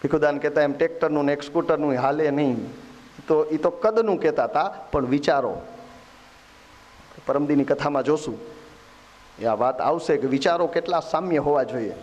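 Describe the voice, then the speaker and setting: A man's voice: fairly high pitch, muffled recording. A man telling scripture stories in a devotional sermon, voicing the characters in dialogue. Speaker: Bhagavat katha preacher.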